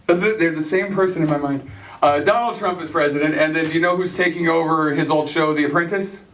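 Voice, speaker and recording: A man's voice: on the high side, fairly even intonation, fast, fairly bright tone. A man doing a loose stand-up set, rambling and laughing at his own jokes. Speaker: stand-up comedian. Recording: echoey bar room from far off with crowd.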